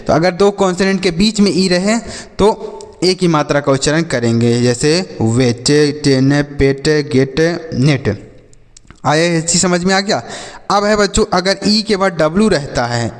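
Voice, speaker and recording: Patient male teacher in a reverberant room. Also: fairly high pitch. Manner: patient, repetitive, asks questions and answers them himself. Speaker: English teacher. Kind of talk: phonics lesson for children.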